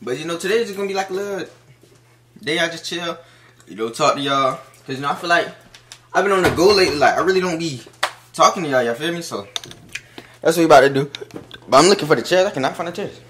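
Speaking quickly with long pauses, this young adult vlogger talks casually to his phone outdoors. His fairly high, slightly bright voice has lively intonation, and he rambles in a slangy, upbeat, encouraging manner.

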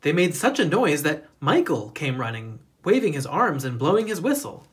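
Animated children's storybook narrator. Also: medium pitch, normal speed. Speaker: storybook reader, educator. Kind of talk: expressive children's picture book narration.

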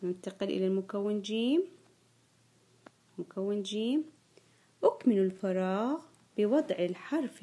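A woman playing a primary school teacher leads an online grammar lesson. She draws out key words slowly and says them twice. She quizzes the children and praises each answer. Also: medium pitch, a little mellow, husky. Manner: slow, drawn-out repetition of key words; frequent praise and quiz questions to pupils.

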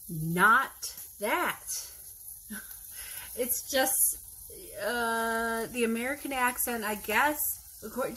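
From her home kitchen, a vlogger in her thirties with a Wisconsin accent talks casually in a pushed, bright, medium-pitched voice, wandering, hunting for words, and self-correcting. The low-quality phone-camera recording from across the table carries a little hiss or hum.

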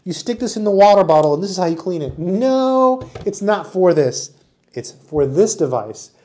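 A man's voice: high-pitched, expressive, normal speed, darkish tone. Chatty man demoing a water bottle. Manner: chatty, enthusiastic, demonstrating while talking. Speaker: product reviewer. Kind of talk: casual product review vlog. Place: small indoor room with wood-panel wall.

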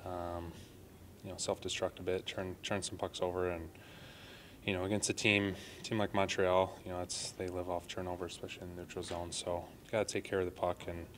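A man's voice: deep voice, flat delivery, a little fast, fairly bright tone, a little hiss or hum. A man in his thirties, a hockey player, speaking earnestly to reporters after a game, with many "you know" fillers. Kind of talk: post-game media interview. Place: arena press room.

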